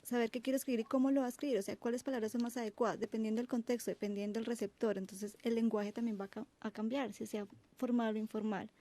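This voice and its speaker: A woman's voice: fairly high pitch, fairly even intonation, fast, few pauses, mellow. A woman, a guest linguist on a podcast, explaining earnestly with many fillers. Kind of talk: casual chat.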